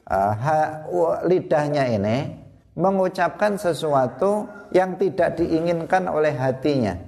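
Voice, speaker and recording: A man's voice: on the high side, darkish tone. A man giving an Islamic study lesson, explaining step by step with examples and rhetorical questions. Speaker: religious teacher.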